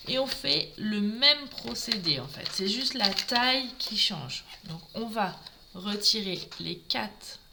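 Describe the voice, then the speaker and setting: A woman's voice: mid-range voice, lively intonation, slow, creaky, heavy background noise. A French woman with a Norman accent, chatting through a live crafting tutorial and greeting viewers as she works. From France. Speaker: craft demonstrator.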